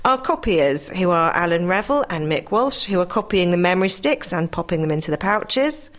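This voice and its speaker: A woman presenting a talking newspaper, reading announcements in a clear, measured way. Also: on the low side, animated, a bit bright. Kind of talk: read-aloud announcements and joke.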